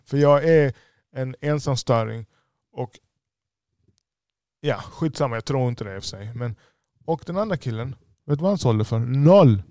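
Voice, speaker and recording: A business owner with a lisp, giving a blunt, profane podcast monologue. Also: male voice, mid-range voice, expressive, pauses often, darkish tone, dry recording, studio quality.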